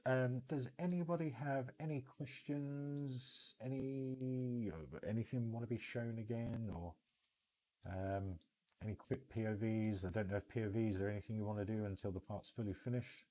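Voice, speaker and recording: Speaking at medium pitch and a moderate pace, a British livestream host talks through his game in a dark tone. His commentary is informal and rambling, like he's thinking out loud.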